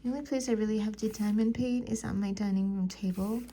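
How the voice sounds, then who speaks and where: Rambling crafty woman with gravelly voice. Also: mid-range voice, fairly even intonation, fast talker, slight background noise. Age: adult, married. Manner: rambling, warm-hearted, filler-heavy. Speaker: crafting vlogger. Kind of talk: casual chatty vlog. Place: home living room.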